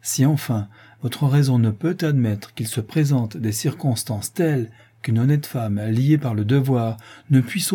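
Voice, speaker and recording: Soft but firm young fiancée, read by a man, mellow husky tone, dead serious. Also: medium pitch, close to an everyday voice. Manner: soft yet resolute, solemn.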